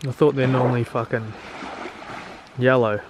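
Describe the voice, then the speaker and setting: A man's voice: mid-range voice, fairly even intonation, moderate pace, noisy background. An Australian man talking casually on a travel vlog, blunt and crude, swearing freely and joking about himself. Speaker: travel vlogger.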